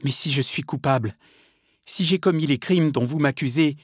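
A man voicing a cornered young noblewoman villain, shrill and pleading in a storybook reading. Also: normal speed, husky, dry recording, clean studio sound, natural voice. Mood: defiant, furious.

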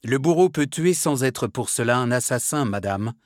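A man voicing a grim male executioner in a storybook reading, slow and grave. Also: medium pitch, lively intonation, darkish tone, dry recording, clean studio sound, natural voice.

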